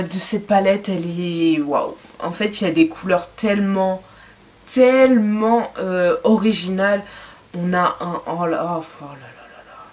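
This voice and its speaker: A young adult woman chatting enthusiastically in a casual fashion and beauty haul vlog, with lots of fillers. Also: on the low side. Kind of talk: casual haul video chat.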